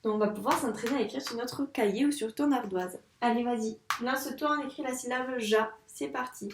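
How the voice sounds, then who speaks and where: A primary school teacher, a woman, guiding a young child through a handwriting lesson in a patient, encouraging way, saying each sound slowly as she writes. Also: on the high side, slight background noise. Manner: says sounds slowly while writing. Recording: echoey room, mic at a distance.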